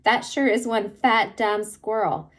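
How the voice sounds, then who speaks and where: A woman's voice: medium pitch, fairly even intonation, a little slow, lightly acted. A woman voicing a friendly, talkative country boy from Arkansas with a folksy Southern drawl. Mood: eager.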